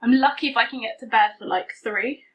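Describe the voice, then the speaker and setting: A woman's voice: on the high side, brisk. A woman vlogger chatting casually to camera in a rambling, self-deprecating way, with a slightly tinny sound. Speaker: beauty vlogger. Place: hot room at home, window open.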